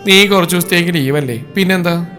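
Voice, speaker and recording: A man voicing an easygoing older father who teases gently. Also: high-pitched, a little fast, soft background music. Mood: teasing.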